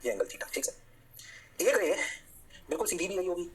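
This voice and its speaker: A man teaching a physics lecture, energetic and coaxing, constantly firing rhetorical questions at his students. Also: sits high, fairly quick. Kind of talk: classroom lecture.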